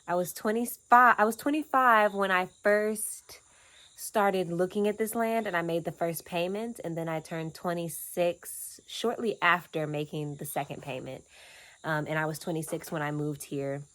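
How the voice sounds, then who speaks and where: A woman in her twenties from Atlanta talks in a casual, earnest, reflective vlog about the off-grid cabin where she lives, speaking in short, unhurried phrases. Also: on the low side, steady tone, fairly bright tone. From Atlanta, Georgia, USA. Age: 20s. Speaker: vlogger and land steward. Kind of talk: casual personal vlog talk.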